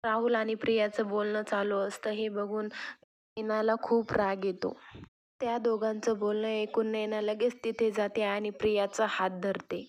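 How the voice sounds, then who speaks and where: A woman narrating a serial recap in a steady, matter-of-fact way. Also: mid-range voice, moderate pace. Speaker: storyteller.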